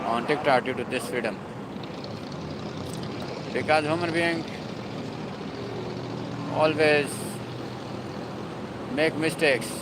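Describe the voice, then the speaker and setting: A man's voice: mid-range voice, very noisy. A man hosting a casual live stream, talking in a rambling, emphatic and repetitive way. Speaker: livestream host.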